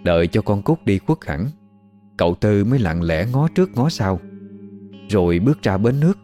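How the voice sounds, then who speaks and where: A male storyteller reading a ghost story in a calm, steady way. His voice sits low and mellow over soft guitar music. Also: normal speed. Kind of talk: scripted ghost story narration.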